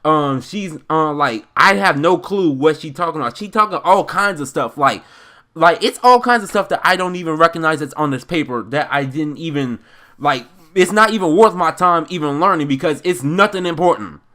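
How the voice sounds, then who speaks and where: Higher-pitched young American man, animated storytime rant. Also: normal speed. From Chicago, United States.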